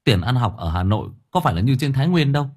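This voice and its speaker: A man's voice: medium pitch, sing-song, fast, darkish tone, slightly rough. A man voicing an earnest teenage son who stammers, then speaks up plainly.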